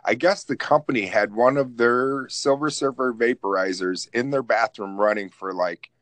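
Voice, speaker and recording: A man's voice: medium pitch, normal speed, fairly bright tone, dry recording. A man from upstate New York chatting casually, laid-back and rambling with fillers. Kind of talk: casual chat.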